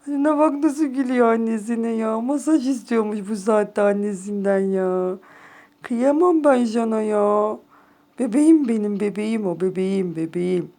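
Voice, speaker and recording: A young woman with a Turkish accent showers her cat with doting baby talk. Her voice sits high but sounds mellow and soft, swinging from squeals down to hushed murmurs. It is a phone recording at home at night. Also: moderate pace. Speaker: cat owner.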